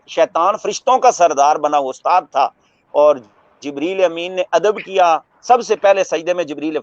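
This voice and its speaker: A man delivers a religious talk as a scholar, speaking in a measured preaching manner and breaking into recited Arabic verses. His voice sits fairly high for a man. The sound is dry and muffled, like an old radio broadcast. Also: no echo. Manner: measured preaching, quoting Arabic verses and explaining with everyday examples.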